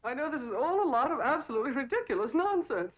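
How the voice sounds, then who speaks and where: Prim, swooning secretary. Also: female voice, sits high, very animated, fast talker. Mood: flustered. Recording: dull 1960s TV soundtrack with laugh track.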